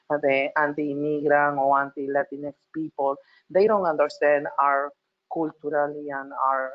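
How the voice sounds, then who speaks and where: A woman from Peru with a Peruvian Spanish accent, speaking as a panelist over a video call, halting, with frequent restarts and repeated words. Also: sits low. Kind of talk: panel talk. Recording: dull lo-fi call audio.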